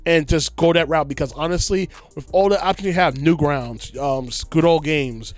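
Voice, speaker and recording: A man's voice: on the high side, normal speed, no room sound, soft background music. A man co-hosting a podcast, ranting in casual chat and sometimes mocking voices. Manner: animated, ranting, mocking voices mid-rant. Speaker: podcast co-host.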